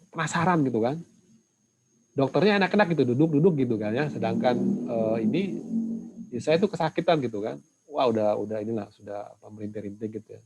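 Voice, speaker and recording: Man lecturing with halting fillers. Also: medium pitch, a little mellow, husky, low-quality recording. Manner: halting, many "eh" fillers and tag "ya". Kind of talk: online class discussion.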